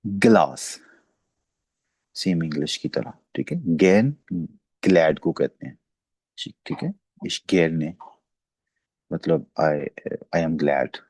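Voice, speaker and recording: धीमे बोलने वाला पुरुष भाषा शिक्षक. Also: male voice, a bass voice, animated, a little mellow, husky, no echo. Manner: explains slowly, repeats words and says "theek hai" often. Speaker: German language teacher. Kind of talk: classroom lecture on pronunciation.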